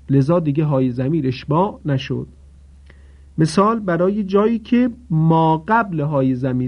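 A man gives a methodical, step-by-step recitation lesson, repeating each rule and asking his listeners to pay attention. His voice sits somewhat high for a man. The recording sounds dull and lo-fi. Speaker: Quran recitation teacher.

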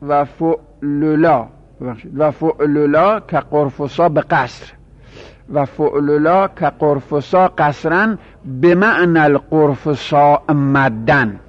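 A man teaching a grammar class, reading lines slowly, then explaining quickly and quizzing his students. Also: on the high side. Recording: dull lo-fi recording.

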